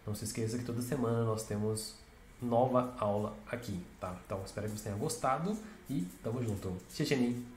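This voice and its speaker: A man's voice: a little fast, darkish tone. A man, a Mandarin teacher giving a casual video lesson and explaining patiently. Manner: explains patiently, tags lines with "né?" and "tá?"; imitates horn sounds in a high voice. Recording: echoey room with faint noise.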